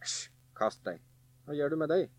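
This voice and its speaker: A man's voice: fairly high pitch, lively intonation, no echo, natural voice. A man voicing two scornful older brothers in a folk tale who scoff at their younger brother. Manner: dismissive, scoffing.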